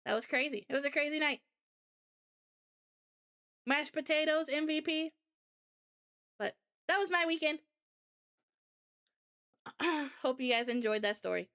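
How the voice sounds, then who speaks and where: A woman VTuber streamer with a high, slightly bright voice tells her viewers a rambling, chatty anecdote. She speaks a little slowly and pauses often as she casually shares the story.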